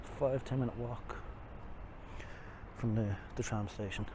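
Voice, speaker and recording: A man with a medium-pitched, fairly even voice speaks a little slowly. He's Irish, talking through a face mask as he gives a casual, rambling, self-deprecating walking tour along city streets by a river. The recording is noisy, with traffic and street sounds all around.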